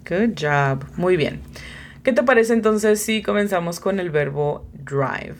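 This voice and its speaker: A woman's voice: fairly low pitch, lively intonation, slow, slight background noise. A woman hosting a beginner English lesson, patiently explaining vocabulary, spelling words out and encouraging her student. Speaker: language teacher and host. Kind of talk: bilingual English lesson podcast.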